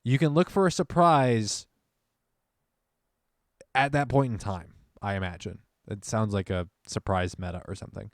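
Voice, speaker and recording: A man's voice: lowish voice, moderate pace, dry recording. Chatty male podcast co-host, dry sound. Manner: chatty, reads announcements aloud with side comments. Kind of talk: casual chat.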